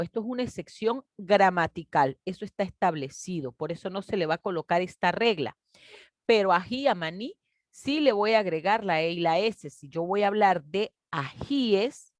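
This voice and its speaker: A woman teacher, patiently explaining a grade-school grammar lesson and stretching out example words slowly. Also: medium pitch, no room sound, clean studio sound. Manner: patient, explanatory, addresses children warmly as "mis niños".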